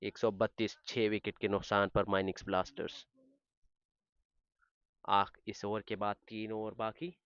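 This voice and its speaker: A man giving live cricket commentary as the match commentator, getting excited on big shots. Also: lowish voice, a little slow, long pauses, clean tone, no echo, muffled recording.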